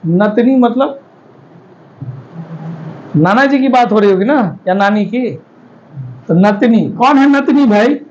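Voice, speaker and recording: A man's voice: high-pitched, lo-fi sound. A man teaching a classroom lecture, explaining step by step and often checking that the students follow.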